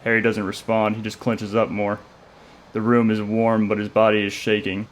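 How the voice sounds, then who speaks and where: A man narrating a story in a steady, measured delivery. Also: on the low side, slight background noise.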